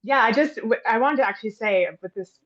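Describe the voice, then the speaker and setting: A woman's voice: on the high side, quick pace, a bit bright. A chatty, curious woman joins a podcast over an online call. Her voice arrives muffled and dull, as if it were coming through a wall. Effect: muffled, as if heard through a wall. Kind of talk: casual chat.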